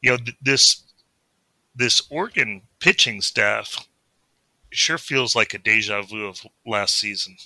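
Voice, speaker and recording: Slow, bright-voiced man, halting. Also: fairly low pitch, no room sound, low-quality recording. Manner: halting, hesitant, many filler sounds. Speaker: podcast guest. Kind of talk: casual sports chat.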